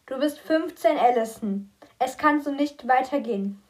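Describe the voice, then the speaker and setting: A woman reading a weary but firm father's lines in an audiobook, measured and steady. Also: high voice.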